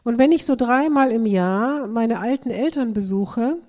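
A middle-aged woman speaking to a church group in an earnest manner, reading aloud slowly and with emphasis. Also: fairly high pitch, lively intonation, darkish tone.

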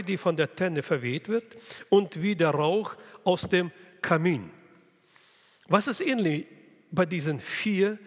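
Male preacher, slow and deliberate, slightly high voice, hall reverb. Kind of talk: sermon.

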